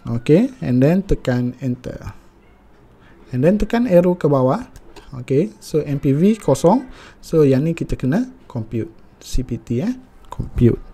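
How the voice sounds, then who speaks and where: A man's voice: medium pitch, mellow. A young Malaysian man with a Malaysian accent walking through a finance tutorial step by step, with many fillers.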